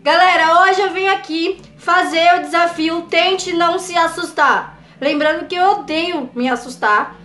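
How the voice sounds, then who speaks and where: A Brazilian woman with a Brazilian Portuguese accent reacting on camera, jumpy and excitable, scared and trembling, swearing and laughing as she talks. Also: extremely high pitch, a little slow, hardly any pauses, roomy sound. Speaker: YouTuber. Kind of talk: reaction video chat.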